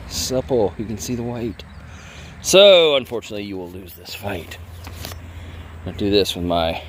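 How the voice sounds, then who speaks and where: A hobby bladesmith from the southern United States, with a fairly low-pitched voice, records a casual demo vlog among bamboo on a handheld phone. He teases the plants in a playful way, and there is slight background noise.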